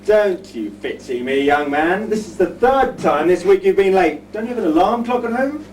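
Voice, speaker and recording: A man's voice: sits high, expressive, normal speed. A man playing a pompous, fussy alderman who scolds his lazy assistant, on an amateur village pantomime stage recorded from far off. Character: fussy pompous middle-aged male alderman shopkeeper. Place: pub skittle alley stage with audience. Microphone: far audience camera. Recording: distant live stage recording, background noise.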